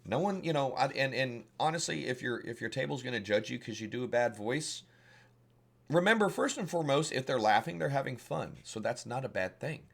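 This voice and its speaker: A man's voice: medium pitch, lively intonation, a little fast, creaky. A man with a Southern US accent, a dungeon master giving casual, rambling advice and often repeating words as he searches for them. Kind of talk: casual instructional talk.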